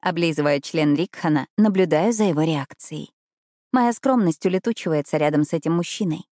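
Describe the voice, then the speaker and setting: A woman narrates a first-person romance audiobook in an intimate, expressive way. Her voice sits somewhat low, and the recording is dry and close to the mic. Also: a little fast, no room sound.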